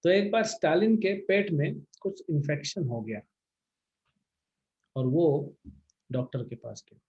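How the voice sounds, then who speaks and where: A man giving a conversational lecture on scripture, often pausing to check in with his listeners with a questioning "hmm?". His voice sits fairly high for a man. The recording is dull and lo-fi. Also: animated. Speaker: spiritual teacher.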